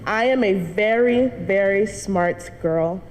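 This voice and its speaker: In a church hall, a young adult student tells her congregation her story in an earnest testimony, laughing lightly at times. She speaks slowly, her medium-pitched voice a touch mellow. Long church reverb and faint noise are audible.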